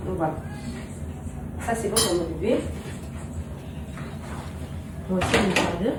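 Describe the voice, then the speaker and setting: A woman's voice: lowish voice, quick pace. Chatty woman vlogging from a distance. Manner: chatty, addresses viewers as girls. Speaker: vlogger and mother. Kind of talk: casual vlog chat. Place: home kitchen, indoors. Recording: echoey, noisy room, voice far from mic.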